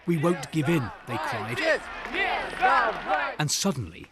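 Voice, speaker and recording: A man narrating a scripted news report as a correspondent, solemn and measured, in short phrases. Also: fairly high pitch, sing-song, a loud crowd.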